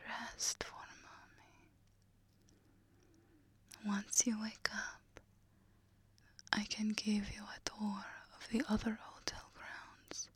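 A doting monster hostess with fur and coils, played by a woman, murmurs in a hushed, airy whisper. She speaks slowly and evenly, with little rise or fall in her voice. Her tone stays tender and lulling, like an ASMR roleplay. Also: medium pitch, exaggerated voice. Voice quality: breathy whisper. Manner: slow, soothing, doting.

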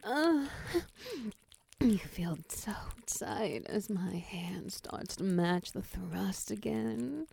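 Low gravelly oni, girl voicing it, slow teasing half-whisper, close mic. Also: mellow, a little hiss or hum. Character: dominant teasing oni lover. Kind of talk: intimate ASMR roleplay.

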